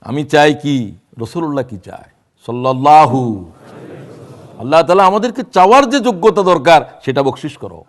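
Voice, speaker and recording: A man in his sixties preaching a sermon, reciting prayers and quoting verse in a drawn-out voice that swings between loud and hushed. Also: fairly high pitch, expressive. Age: 60s. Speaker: Islamic preacher.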